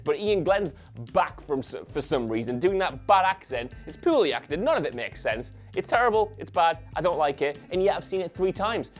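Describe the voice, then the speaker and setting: Ranting man, higher voice. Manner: exasperated, ranting. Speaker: panel host. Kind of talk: casual panel chat.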